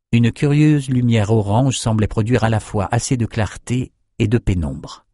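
A man with a low voice reads a fantasy audiobook in a steady, measured way. The recording is dry and close, with no room sound. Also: no room sound. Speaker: audiobook narrator. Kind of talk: scripted narration.

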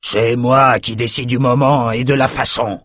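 A wrathful tyrant king of sea raiders, voiced by a male reader in a spoken storybook, snarling contempt at his beaten men. His voice is a bit husky and sits in the middle range, recorded close and dry with no room around it. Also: fairly low pitch, measured pace, dry recording. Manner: roaring, menacing. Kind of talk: audiobook character voice.

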